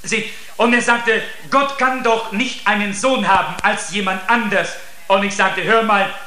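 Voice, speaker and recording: Earnest male preacher delivering a sermon, slow and deliberate, roomy sound. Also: high voice, steady tone, bright, forceful tone. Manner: earnest, addresses listeners with repeated "seht". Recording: echoey room.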